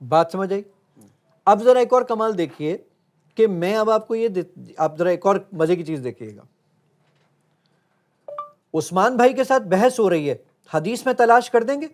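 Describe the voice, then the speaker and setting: A man's voice: sits high, lively intonation, pauses often, slight background noise. A man with a slightly raised voice talks in an earnest, explaining way. He is the founder of a tech app, guesting on an interview show and walking the host through a live demo one step at a time. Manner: earnest, explains step by step while showing a phone.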